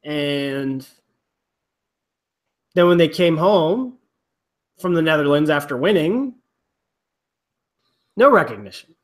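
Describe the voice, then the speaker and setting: Man, casual host chat, rambling, fairly high voice, unhurried. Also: animated. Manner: rambling, restarts, swears casually. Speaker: rugby podcast host.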